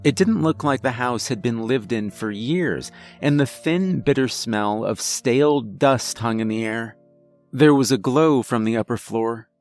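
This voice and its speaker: A man reading a scary story aloud in a measured, dramatic way. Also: mid-range voice, soft background music. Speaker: narrator. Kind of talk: scripted horror narration.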